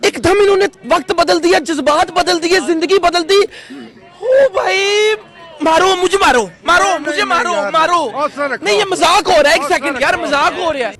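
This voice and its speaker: A man as a shrill, desperate film character. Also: moderate pace, long pauses, sharp tone, heavily acted. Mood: frantic. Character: frantic man pleading to be beaten.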